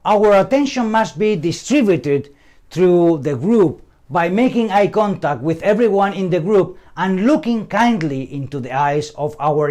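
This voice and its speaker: Slow, lively high-voiced male lecturer. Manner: deliberate, lists numbered points with pauses. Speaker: communication trainer. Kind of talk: scripted training lecture.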